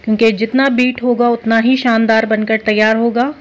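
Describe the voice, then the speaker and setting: A woman's voice: a little high, moderate pace. Woman narrating a home recipe. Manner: steady, instructive, repeats steps. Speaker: cooking show host. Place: home kitchen.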